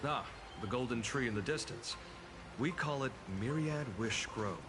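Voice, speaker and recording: An actor playing a calm, courteous male guide in game audio with music behind. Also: medium pitch, moderate pace, close to an everyday voice.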